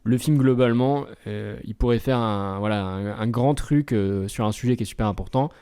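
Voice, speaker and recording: A man's voice: fairly low pitch, moderate pace, mellow, clear, resonant tone. A young man co-hosting a casual film podcast, reading press reviews aloud and picking them apart with sardonic asides. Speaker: co-host film critic.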